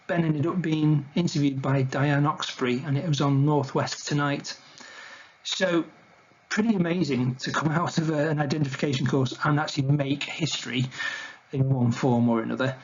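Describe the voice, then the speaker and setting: A man's voice: fairly high pitch, fairly even intonation, moderate pace, breathy edge, lo-fi sound. A man giving an illustrated talk on wildlife to slides, in an informal, conversational way. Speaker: wildlife educator presenting a talk.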